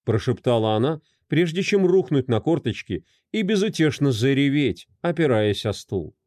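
Expressive male audiobook narrator, mellow voice. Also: mid-range voice, normal speed, no echo, studio quality.

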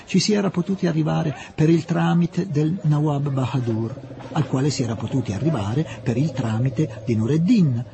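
A man's voice: on the high side, normal speed, gravelly, background noise. A man reading a novel aloud as an audiobook narrator, with a dramatic, varied delivery. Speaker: audiobook reader. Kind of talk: expressive literary narration.

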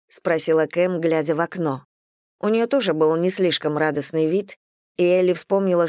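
Audiobook narrator: woman, low voice, dry close sound, even measured read. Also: no echo. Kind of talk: scripted narration.

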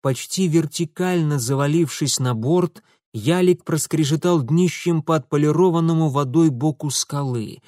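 A man's voice: fairly high pitch, moderate pace, dark tone, no echo, studio quality. A man reading an adventure story aloud with dramatic, rhythmic storytelling. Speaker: audiobook narrator. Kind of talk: scripted audiobook narration.

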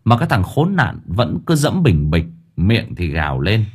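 A man narrating a scripted audiobook story in an expressive storytelling manner. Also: on the low side, moderate pace, breathy edge.

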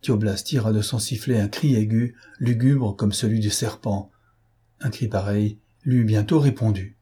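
A man narrating a novel as an audiobook in a measured, steady way. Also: fairly low pitch, slightly rough.

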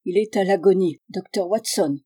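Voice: medium pitch, normal speed, warm tone, husky, natural voice. Vieille logeuse angoissée qui supplie, jouée par le lecteur, voix feutrée et un peu soufflée. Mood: anxious. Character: worried elderly landlady, anxious.

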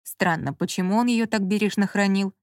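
Женщина в аудиокниге читает реплики ворчливого раздражённого мужчины, занятого делом. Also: female voice, mid-range voice, a little fast, dry recording, studio quality, lightly acted. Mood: muttering. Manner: grumbling, irritable, muttering. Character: grumpy man absorbed in work, snappish. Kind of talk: audiobook character reading.

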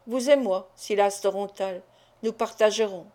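A woman's voice: mid-range voice, unhurried, warm tone, close to an everyday voice. A woman reading the lines of a scheming male agent who insinuates and threatens, in an audiobook.

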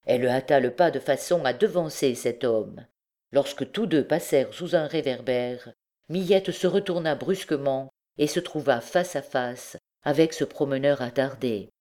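A woman reading a classic novel aloud as an audiobook, in a steady, clear narrating voice. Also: very deep voice, measured pace. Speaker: audiobook reader.

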